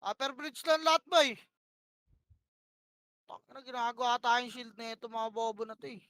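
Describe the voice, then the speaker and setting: A woman's voice: on the high side, moderate pace, fairly bright tone, dry recording, clean studio sound. A woman calling plays to her team during an online game, bossy and profane, firing off short repeated commands. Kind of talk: live gameplay shot-calling.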